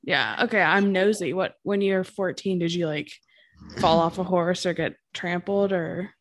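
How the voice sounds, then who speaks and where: Young woman, lowish voice, chatty host, curious. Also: a little slow. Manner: chatty, curious, many fillers. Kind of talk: casual interview.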